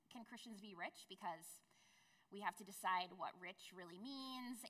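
A woman pastor preaches a sermon in a conversational way and often turns to the congregation with asides. Her voice sits a little high and sounds bright and forward. The reverb of a large church hall trails behind each phrase. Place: church sanctuary.

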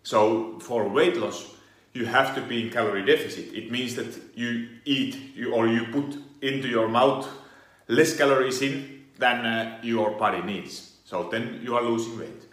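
Finnish-accented male coach, mid-pitched, hesitant explainer, roomy sound. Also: a bit bright. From Finland. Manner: halting, many fillers and restarts. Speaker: online fitness coach. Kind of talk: explainer monologue.

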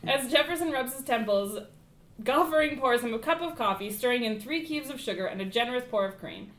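A woman's voice: on the high side, expressive, brisk, fairly bright tone, echoey room. A woman reading stage directions in a casual, amused script read-through, with occasional stumbles.

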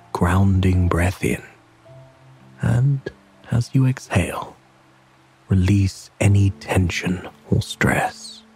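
Guy doing sleep story narration, really slow n low, soft breathy calm voice, music behind. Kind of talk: soothing sleep story narration, guided relaxation.

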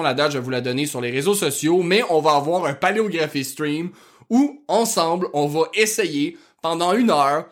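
A man with a rural Quebec French accent hosting his own podcast, talking fast and excitedly and piling on information. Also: fairly high pitch. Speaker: podcast host. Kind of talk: casual solo podcast talk.

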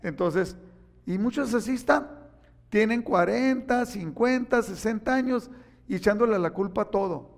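A man's voice: high voice, normal speed, vocal fry. A man preaching a sermon, telling stories animatedly and acting out the quotes. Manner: animated storytelling with acted-out quotes. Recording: echoey hall reverb.

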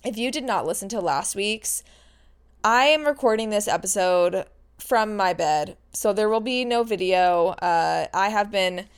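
Female podcast host, smooth clear voice, frank and chatty, recording lying in bed while getting over a stomach flu. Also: medium pitch, a little slow. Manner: chatty, frank, uses mild swearing. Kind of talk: casual solo podcast talk.

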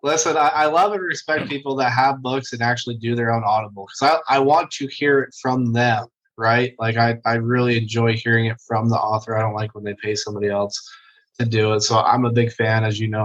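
A man's voice: mid-range voice, muffled recording. A man hosting a podcast interview, enthusiastic and casual with his guest. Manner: enthusiastic, calls guest brother and dude. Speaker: podcast host.

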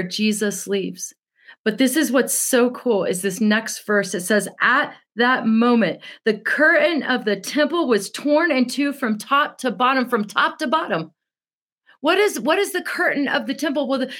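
A young woman with a high, light voice gives an emotional devotional message. She repeats key phrases to drive them home and speaks with heartfelt conviction. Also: fairly bright tone. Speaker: preacher. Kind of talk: Good Friday devotional teaching.

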